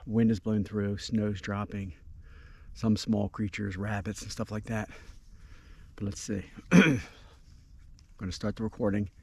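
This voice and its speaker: A man casually narrating his camping vlog outdoors at night in an informal, halting, unhurried way. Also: on the low side, little pitch movement, gravelly, mellow. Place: outdoors at night in cold, snowy woods. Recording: noisy outdoor recording with rustling.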